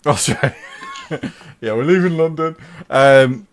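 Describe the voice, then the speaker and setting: A man narrating as game master of a tabletop role-playing game, lively and descriptive. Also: medium pitch, measured pace.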